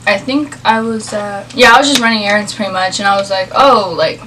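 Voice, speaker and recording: A woman's voice: mid-range voice, fairly even intonation, brisk, pushed and bright, recorded from a distance, a little hiss or hum, low-quality recording. A young adult woman chatting casually as she tells a story, in informal speech peppered with "like". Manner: informal, filler-heavy speech with frequent "like". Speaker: vlog co-host.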